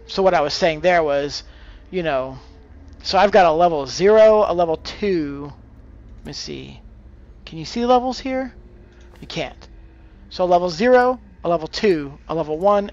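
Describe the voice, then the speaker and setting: In lo-fi audio, a man with a voice on the high side streams his gameplay, thinking aloud hesitantly, sharing casual tips, and reacting out loud to what happens on screen.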